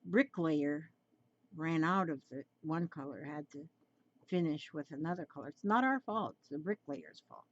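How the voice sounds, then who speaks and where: A woman's voice: deep voice, expressive, moderate pace, dull audio. A woman in her seventies chatting through a drawing tutorial, rambling and coaxing, often repeating her phrases. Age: 70s.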